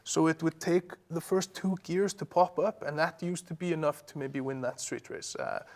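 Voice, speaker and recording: Gravelly-voiced young man from Iceland, casual host, fillers and restarts, slightly high pitch. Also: normal speed, a little mellow. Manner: rambling, frequent fillers and restarts. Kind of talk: casual live-stream Q&A chat.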